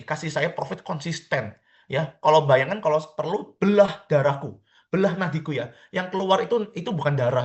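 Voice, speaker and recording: A man giving a lively seminar talk as a crypto trading mentor, often calling out to his listeners and acting out their worried questions. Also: high-pitched. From Indonesia. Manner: lively, repetitive, keeps addressing listeners as friends; acts out quoted questions of traders.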